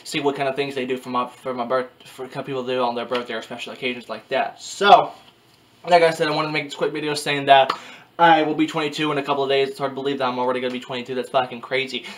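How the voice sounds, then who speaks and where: A man's voice: mid-range voice, flat delivery, fast talker, fairly bright tone, slight background noise. A man in his early twenties rambling casually to his webcam in a small bedroom, with frequent restarts and repeated filler phrases. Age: early 20s. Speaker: vlogger. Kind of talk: casual talking-head vlog.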